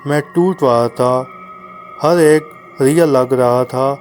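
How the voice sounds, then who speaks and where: A man's voice: medium pitch, a little mellow, soft background music. Man narrating a horror story dramatically. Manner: dramatic, measured delivery with pauses.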